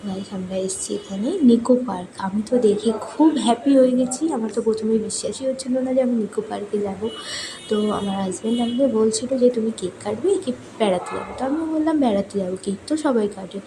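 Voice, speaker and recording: A young woman from West Bengal narrating a cheerful, chatty family vlog for her viewers, her voice a little hoarse from swimming. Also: on the high side, fast. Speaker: vlogger. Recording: noisy outdoor ambience.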